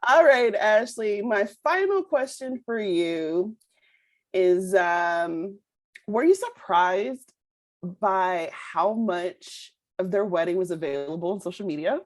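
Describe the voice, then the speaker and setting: A woman co-hosting a podcast in casual chat, talkative and quick to laugh. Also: mid-range voice, lively intonation. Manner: chatty, laughs often. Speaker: podcast co-host.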